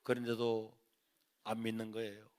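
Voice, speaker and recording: A man preaching a revival sermon in a Gyeongsang dialect, telling a lively personal story and acting out family quarrels. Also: on the low side, normal speed. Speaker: pastor. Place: church sanctuary.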